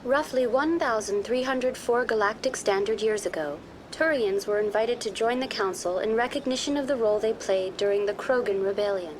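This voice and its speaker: A woman voicing a polite female computer guide program in a video game, with a smooth, measured, evenly informative delivery. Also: fairly high pitch, a little hiss or hum, natural voice. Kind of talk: video game character dialogue.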